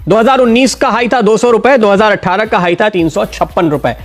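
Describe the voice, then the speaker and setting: A man giving a steady stock market analysis and talking straight to viewers, explaining why he recommends each share. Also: high voice, a little fast.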